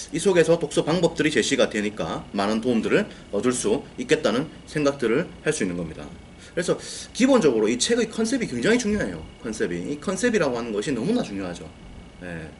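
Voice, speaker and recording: A man lectures on writing books with a lively, animated voice. He explains step by step, repeats key phrases and answers his own questions. Faint noise sits under the voice. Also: medium pitch. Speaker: book-writing coach.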